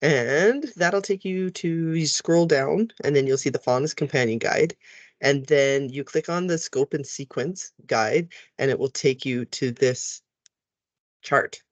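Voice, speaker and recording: Man, teacher trainer, relaxed explanatory tutorial, models letter sounds, dry close audio. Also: fairly high pitch, a little slow, dry recording. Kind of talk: recorded tutorial walkthrough.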